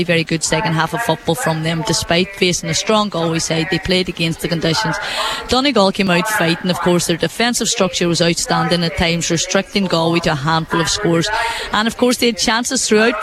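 A man's voice: high-pitched, rough recording. A man with an Irish accent giving a live sports commentary report, hesitating and repeating himself at times. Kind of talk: live full-time match report. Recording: crowd noise at sports ground. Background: crowd at a match.

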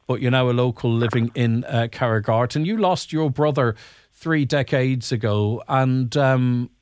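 Irish radio host, dry studio sound. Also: male voice, medium pitch, no room sound. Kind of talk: current affairs radio interviewing.

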